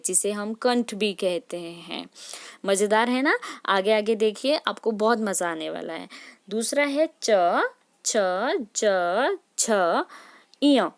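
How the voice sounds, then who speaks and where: A woman teaching a class of children, patient and encouraging. She keeps checking in with her pupils and has them repeat sounds aloud after her, and her voice sits in a middle pitch. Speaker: Hindi teacher. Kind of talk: classroom lesson.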